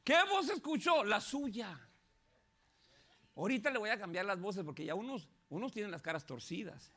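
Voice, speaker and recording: Pastor preaching loud, gravelly high voice, lots of laughing. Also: male voice, normal speed. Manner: animated, laughing, shouting at peaks. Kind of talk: sermon.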